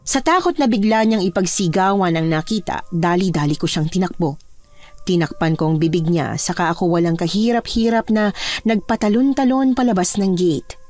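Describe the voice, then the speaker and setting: A woman narrating a horror story in the first person, in a measured, hushed way. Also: on the low side.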